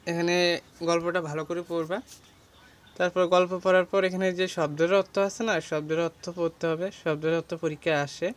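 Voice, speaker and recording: A man's voice: a little high, level tone, fairly quick. A young man teaching an exam-preparation lesson, going page by page through a textbook and listing words with their meanings.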